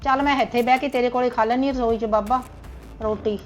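A woman's voice: on the high side, steady tone, quick pace, a little hiss or hum, natural voice. A woman with a Punjabi accent playing an elderly mother who complains about her son and daughter-in-law. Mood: arguing. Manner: complaining, self-pitying. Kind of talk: family drama acting.

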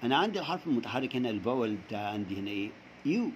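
A man with an Egyptian Arabic accent teaching English to young pupils, repeating words slowly for them to copy. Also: medium pitch, sing-song, a little hiss or hum. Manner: slow drilling repetition, stretching words. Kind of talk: recorded classroom lesson for young pupils.

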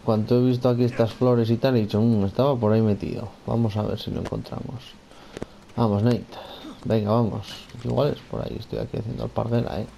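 A man's voice: on the low side, level tone, a little fast, creaky, warm tone, slight background noise. A man giving casual let's-play commentary, talking to himself and his character, repeating phrases and swearing at enemies. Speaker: gamer playing a video game.

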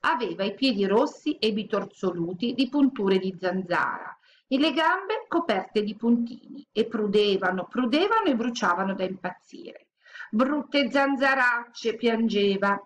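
A woman narrating a children's story aloud in a calm, expressive storytelling manner. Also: mid-range voice, moderate pace, a little hiss or hum. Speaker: audiobook narrator.

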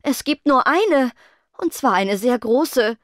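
A woman voicing an impatient, excitable steam-powered robot teenage girl. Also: high-pitched, slow, no echo, clean studio sound, voice pushed up.

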